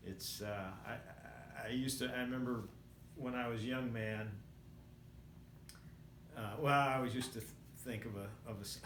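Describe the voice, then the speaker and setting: A roomy, echoing recording with faint noise carries the voice of a man in his sixties. He speaks at an average pitch in a casual vlog style. His delivery is reflective and rambling, with halting stops as he gathers his thoughts. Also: a bit bright. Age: 60s. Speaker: vlogger. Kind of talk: casual personal storytelling to camera.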